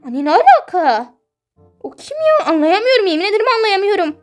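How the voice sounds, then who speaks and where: A woman's voice: very high voice, big pitch swings, brisk, faint music behind. A woman voicing a dreamy, defensive teenage girl in a toy-game role-play, whiny and protesting.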